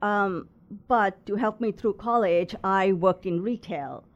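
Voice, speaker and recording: A woman's voice: medium pitch, slow, lo-fi sound. Chatty woman from Sri Lanka. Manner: chatty, many fillers, laughs between phrases. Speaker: guest, resin artist and small business owner. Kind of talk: casual interview conversation.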